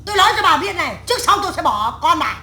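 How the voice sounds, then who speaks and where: A stern old great-grandmother spirit, voiced by a woman medium in a séance, berates her family in a very high, sharp, piercing voice. She curses crudely and harshly without pause. The sound rings around an echoey room. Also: very animated, heavily acted. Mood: ranting. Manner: harsh, crude, cursing tirade.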